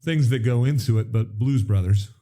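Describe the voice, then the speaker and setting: Medium in pitch with a dark tone and a moderate pace, this middle-aged man co-hosts a podcast. He tells stories enthusiastically during the casual chat.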